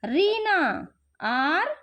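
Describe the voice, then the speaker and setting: A woman with a high, light voice gives a patient home spelling lesson. She draws out each syllable slowly and keeps asking the child gentle leading questions. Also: very animated, muffled recording. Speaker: teacher.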